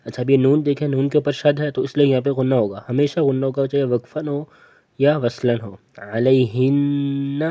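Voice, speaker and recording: A man's voice: medium pitch, fairly even intonation, highs cut off. A man with a Pakistani Urdu accent teaching Quran reading, patiently spelling out letters and drilling each word again and again. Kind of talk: slow letter-by-letter recitation lesson.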